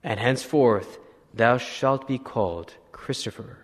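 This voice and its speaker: Calm holy boy, solemn old-style speech, read by a male priest, unhurried, hall reverb. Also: mid-range voice, close to an everyday voice. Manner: slow, solemn archaic speech. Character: small boy who is divine, calm and solemn.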